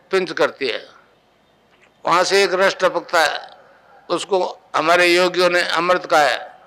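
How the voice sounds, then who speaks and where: A man's voice: high-pitched, pushed and bright, rough recording. An older man giving a spiritual discourse as a guru, telling stories and leading a mantra chant in an instructive tone.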